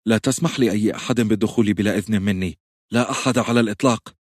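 A man's voice: lowish voice, racing, no room sound, studio quality, pitched above the performer's own voice, lightly acted. A man voicing a young pregnant queen who gives urgent orders, commanding yet frightened. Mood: fierce.

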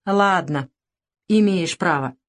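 A woman's voice: on the low side, slow. A woman doing a jumpy, spiteful male convict. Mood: gruff. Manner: snappish and hissing.

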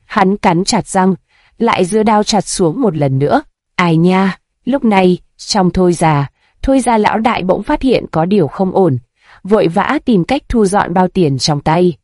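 A woman reading a scripted story in a steady, even narrating voice. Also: fairly low pitch, unhurried, no room sound, clean studio sound.

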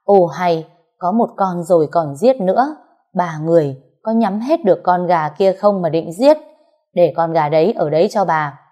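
Woman doing a nagging granny, mellow, high when cross. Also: expressive, normal speed, dull audio, natural voice. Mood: scolding. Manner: scolding, pitch rising when annoyed. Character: elderly grandmother, sharp-tongued and grumbling.

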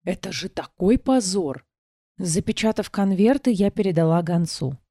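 A woman reading a first-person novel aloud as an audiobook, quiet and restrained, acting out the dialogue. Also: medium pitch, expressive, normal speed, no room sound. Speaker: audiobook narrator.

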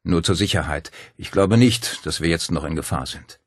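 A man voicing a calm, practical man who talks plainly and cautiously. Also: low-pitched, normal speed, slightly rough, dry recording, studio quality.

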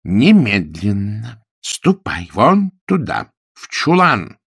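A man voicing a strict, commanding old female governess in an audiobook, with slow, drawn-out scolding commands. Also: fairly low pitch, wildly swooping pitch, gravelly, fairly bright tone, husky, no room sound, clean studio sound, pitched above the performer's own voice, full character voice. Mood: stern. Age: older. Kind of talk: audiobook character voice.

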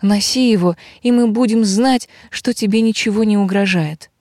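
A woman reading an audiobook, voicing a calm, devoted male dragon who speaks slowly and softly. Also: mid-range voice, no echo, clean studio sound, lightly acted. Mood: tender. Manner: slow, soft, reassuring.

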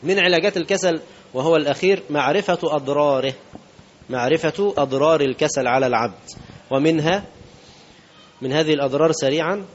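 A man's voice: a little high, fast, pauses often, muffled recording. A man preaching a sermon in Egyptian Arabic, speaking conversationally and asking his listeners rhetorical questions. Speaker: sheikh.

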